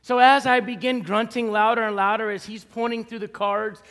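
A man preaching as a guest speaker, telling stories in an animated way with self-deprecating humor. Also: sits high, normal speed. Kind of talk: storytelling sermon. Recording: reverberant hall.

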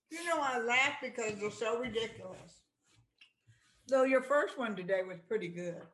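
A woman's voice: on the high side, fairly bright tone, slight background noise. A woman, a mother, bantering and teasing her family in a casual chat, laughing easily. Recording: roomy echo.

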